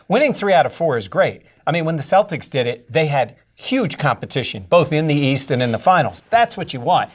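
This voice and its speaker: A man with a middle-pitched voice gives his views on a sports radio panel. He talks in a measured, explanatory way. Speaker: sports broadcaster guest. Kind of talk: sports talk analysis.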